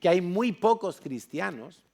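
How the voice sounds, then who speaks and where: A man's voice: sits high, big pitch swings, unhurried, vocal fry, mellow. A man from Spain preaching in church, telling a story with acted-out dialogue. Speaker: pastor. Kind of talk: sermon.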